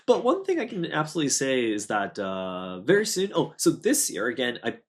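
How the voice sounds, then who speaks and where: A man's voice: medium pitch, wildly swooping pitch, brisk, a crowd in the background. A man in his thirties, hosting a podcast in casual conversation, rambling with lots of fillers and tag questions. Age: 30s. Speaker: podcast host and dojo head.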